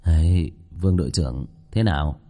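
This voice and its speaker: A man voicing a composed, smiling restaurant owner who serves ghosts, speaking with quiet assurance. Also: rumbling low, normal speed, voice pushed down. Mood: calm. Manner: composed, faintly teasing, commanding with the ghost.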